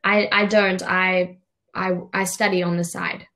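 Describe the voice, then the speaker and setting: A young woman with a South African accent speaks in a fairly low, flat, sharp-toned voice, a little slowly. She is an online English tutor asking simple questions during a casual video call from a room indoors, picked up by a webcam microphone.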